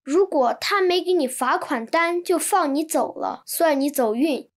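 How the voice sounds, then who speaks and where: A woman reading translated textbook sentences in an even, clear manner. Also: high voice, unhurried. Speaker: Chinese translation reader.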